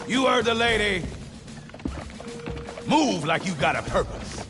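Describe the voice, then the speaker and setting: A man's voice: high-pitched, very animated, slow pace, over music, heavily acted. A man playing a brash, swaggering marine sergeant who barks orders at his troops in a video game. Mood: fierce, swaggering. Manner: barking, swaggering military commands. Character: brash, foul-tempered marine drill sergeant rallying troops. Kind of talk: video game battle dialogue.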